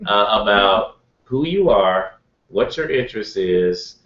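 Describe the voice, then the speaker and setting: A man's voice: fairly low pitch, expressive, slow pace, fairly bright tone. A man giving career advice in an interview, talking conversationally with quotes and examples. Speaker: career advisor. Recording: roomy, dull lo-fi sound.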